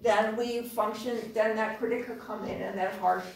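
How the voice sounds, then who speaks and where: A woman facilitating a group workshop, speaking calmly and reflectively with gentle pauses. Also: on the high side, gravelly. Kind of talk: guiding a group session. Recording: echoey room, distant mic.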